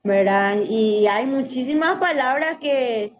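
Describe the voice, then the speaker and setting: High-voiced Paraguayan woman teacher. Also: expressive, slow, highs cut off. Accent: Paraguayan Spanish. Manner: explanatory, often adds "¿verdad?". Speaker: guest, Guaraní language teacher. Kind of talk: radio interview answers.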